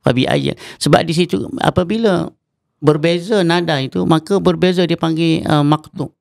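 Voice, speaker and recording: Malaysian male teacher, Malaysian Malay accent, fairly high gravelly tone, explains then chants melodic examples, dry mic. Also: normal speed, a little mellow, dry recording. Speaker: Quran recitation teacher. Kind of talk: explanatory podcast interview. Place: mosque podcast studio.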